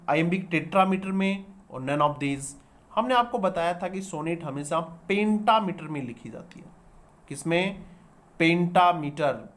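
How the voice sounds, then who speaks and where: A man teaches an online exam-prep class with a slightly high voice. He reads each question slowly in English, then explains in Hindi, asking his students for the answer and repeating key terms until they stick. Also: fairly bright tone.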